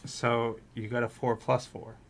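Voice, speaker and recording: A man's voice: medium pitch, monotone, measured pace, creaky. A man playing a tabletop game, chatting casually with sarcastic, wisecracking remarks. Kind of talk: casual joking chat. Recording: noticeable background noise.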